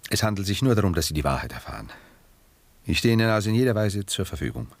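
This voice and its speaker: This actor voices a refined, coolly ironic gentleman in a German radio play from the 1960s, using formal, measured and detached politeness. His fairly low voice has a sing-song quality, and there's no room sound.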